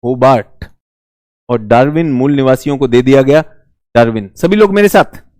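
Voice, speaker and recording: A man teaching a lively, joking exam-prep lesson, now and then slipping into brief mock voices. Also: mid-range voice, moderate pace, no echo, clean studio sound.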